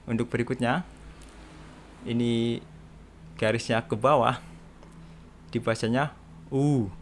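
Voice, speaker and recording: A young man teaching beginners to read letters, explaining slowly and patiently and repeating each sound for practice. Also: on the low side, steady tone, a bit bright, slight background noise. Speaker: Korean language teacher. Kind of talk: beginner lesson on reading letters.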